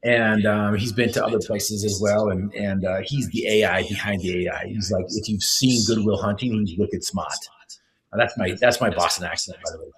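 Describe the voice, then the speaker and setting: A man's voice: on the low side, fairly even intonation, fairly quick, hardly any pauses, fairly bright tone, poor audio. A man speaking earnestly as a motivational speaker in an interview, with many fillers and restarts. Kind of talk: casual interview talk.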